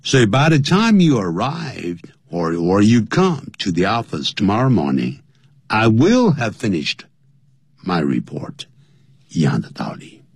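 Male teacher, low husky voice, very slow and deliberate, pitch leaps up on key points, dry close sound. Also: sing-song, no echo. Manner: explains slowly, spells words out letter by letter; pitch jumps high to stress points. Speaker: English teacher. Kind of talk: classroom English lesson.

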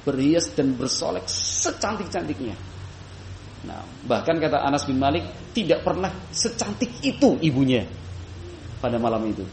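Animated male preacher, echoey room. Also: normal speed, creaky. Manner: lively, acts out quoted voices in high pitch. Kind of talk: Islamic sermon storytelling. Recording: echoey room with faint background noise.

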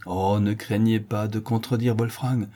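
A man voicing a gracious, gently persuasive young woman, softly coaxing, in an audiobook reading. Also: on the low side, fairly even intonation, measured pace.

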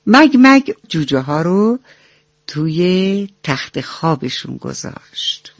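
A woman's voice: on the low side, big pitch swings, no echo. A woman reading a children's bedtime story aloud in an affectionate, storytelling manner. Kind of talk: scripted children's narration. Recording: dull lo-fi radio recording with soft music.

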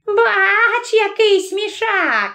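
A woman voicing a sly, squeaky male devil in an audiobook, in a thin wheedling tone. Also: lively intonation, very slow, sharp tone, faint music behind, full character voice. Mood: teasing. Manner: squeaky, wheedling, then pleading. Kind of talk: audiobook character voice.

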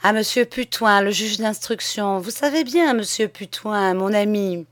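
A woman's voice: medium pitch, unhurried, dry recording, lightly acted. A woman reading a storybook, voicing a violent-tempered village mayor who blusters and begs. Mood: insistent. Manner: blustering, then pleading and stammering. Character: middle-aged male village mayor, violent-tempered, desperate.

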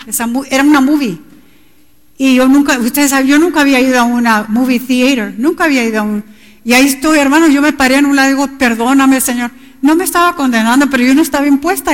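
High-pitched middle-aged lady preaching hard, big reverby church hall. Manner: impassioned, rising to cries at times. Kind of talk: bilingual sermon. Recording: long reverb in a large hall.

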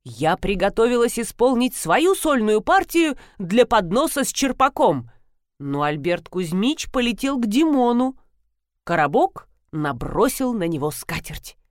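A woman reading a comic novel aloud as an audiobook, in brisk, animated narration. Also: mid-range voice, no echo, clean studio sound. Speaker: audiobook reader.

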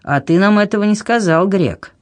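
A reader voicing a stern, slow-witted Viking jarl who talks bluntly and deliberately. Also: medium pitch, pitched above the performer's own voice, close to an everyday voice. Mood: questioning.

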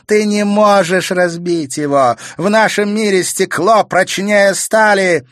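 A man playing a shrill, spiteful villainess. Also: slow, a bit bright, no echo, studio quality. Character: spiteful villainess from a mirror world.

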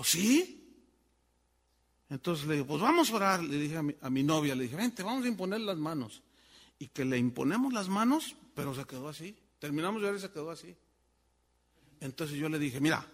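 A man preaching a sermon, telling a story and acting out the voices of the people in it. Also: big-room sound. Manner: animated storyteller acting out voices, wide swings in pitch and volume. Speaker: pastor.

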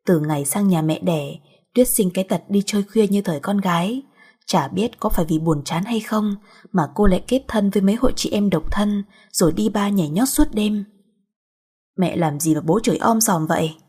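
A woman narrating a family drama story in a steady, expressive reading voice. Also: mid-range voice, a little fast, breathy edge.

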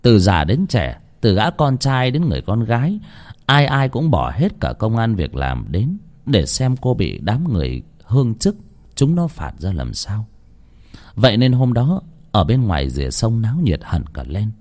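A man's voice: lowish voice, big pitch swings, moderate pace, a little mellow. A man narrating a horror story with dramatic, emotive storytelling.

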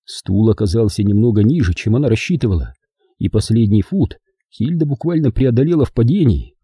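A man reading a first-person audiobook story with wry, expressive storytelling. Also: mid-range voice, brisk, husky, dry recording, studio quality. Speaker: audiobook narrator.

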